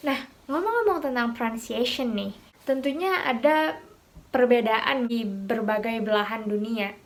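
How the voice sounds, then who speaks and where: Chatty, fairly high-voiced woman vlogger. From Indonesia. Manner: chatty and relaxed, thinking aloud as she explains. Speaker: vlogger teaching pronunciation. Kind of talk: casual explanatory vlog.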